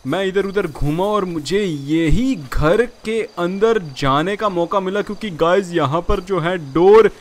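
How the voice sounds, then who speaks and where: A man hosting a gaming channel, giving excited gameplay commentary in a panicky way and often calling out to his viewers. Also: high-pitched, a little slow, few pauses. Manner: panicky, keeps addressing "guys" and exclaiming.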